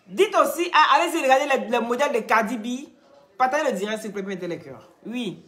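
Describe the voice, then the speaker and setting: A woman's voice: on the high side, fairly bright tone. A woman giving emphatic live-stream commentary, scolding her viewers and often asking them "hein?".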